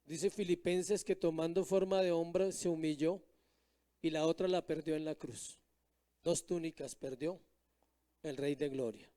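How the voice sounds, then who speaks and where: A man's voice: a little high, warm tone. A male pastor preaching a sermon to his congregation, reading scripture verses aloud and putting rhetorical questions to the listeners.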